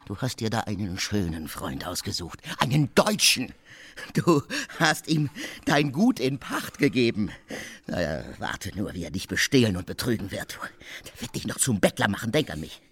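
An actor playing a coarse, scheming swindler in a radio drama, abusive and loud. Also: male voice, on the low side, very animated, moderate pace, slightly rough, full character voice. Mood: scornful. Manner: abusive, blustering, shouting. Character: scheming middle-aged male swindler, coarse, bullying. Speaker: Tarantjew.

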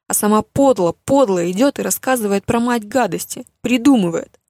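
A shrill, furious middle-aged mother, as a woman reads her in an audiobook, hurling insults and scolding at full volume. The voice sits a touch higher than the reader's own, with a gravelly edge, in a dry, close recording. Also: no echo. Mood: furious berating. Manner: loud, berating, rapid-fire insults. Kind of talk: audiobook character voice.

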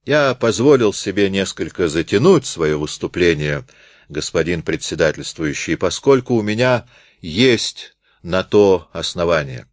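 A man's voice: low voice, lively intonation, a little slow, no echo, studio quality. A man voicing a bold, cocky young male reporter who draws out his words and then rings out his declarations. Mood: unhurried.

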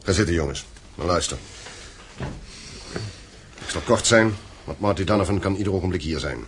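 In a Dutch radio play, a male actor with a deep voice plays a stern, domineering middle-aged father who owns a mine, commanding and reproachful. His delivery is lightly acted at a moderate pace, stern and businesslike, with a little hiss or hum in the recording.

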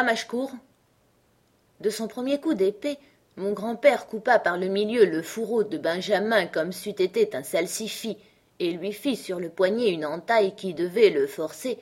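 A woman narrating an audiobook of a classic novel in a measured, expressive way. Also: mid-range voice, slightly rough.

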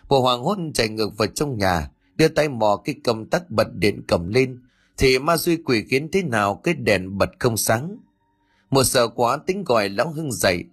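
A man narrating a ghost story in a dramatic, measured storytelling manner. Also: medium pitch, slightly rough.

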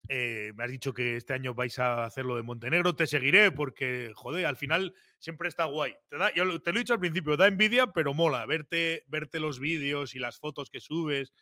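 A man's voice: fairly high pitch, normal speed, hardly any pauses, no echo, clean studio sound. A man hosting a podcast chat, telling stories and swearing freely. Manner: swears freely, animated storytelling. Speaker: podcast host, fishing guide. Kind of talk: casual chat.

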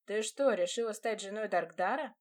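A woman's voice: medium pitch, normal speed, close to an everyday voice. A woman reading an audiobook, voicing an arrogant young nobleman who speaks curtly and scornfully. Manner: curt and scornful.

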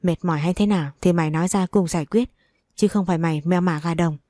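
A woman's voice: lowish voice, quick pace, mellow, no room sound, studio quality, natural voice. A woman voicing a furious, betrayed wife who curses and scolds harshly.

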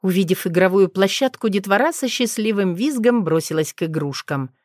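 A woman narrating a first-person audiobook in a steady, expressive storytelling manner. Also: mid-range voice, fairly quick, no room sound, clean studio sound.

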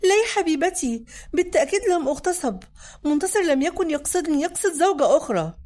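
A woman reading the lines of a frantic mother pleading with her daughters in a dramatic audiobook, anxious and rushed. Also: sits high, very animated, darkish tone, pitched above the performer's own voice.

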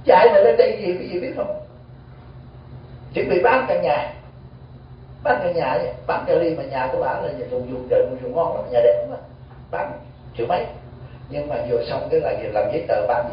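Monk preaching in an echoey hall. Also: male voice, medium pitch, quick pace, a little hiss or hum. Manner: animated, full of rhetorical questions. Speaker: Buddhist monk giving a dharma talk. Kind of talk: storytelling sermon. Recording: echoey hall, distant dull mic.

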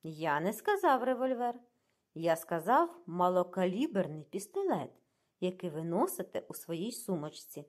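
A woman reading the lines of a shrewd middle-aged male detective who questions calmly and pointedly. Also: on the low side, moderate pace. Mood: probing.

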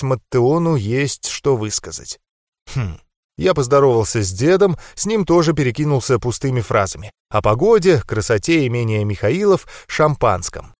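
A man narrates an audiobook in the first person, with steady, even storytelling at a mid pitch. His voice is recorded close and dry, with no room sound behind it. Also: dry recording.

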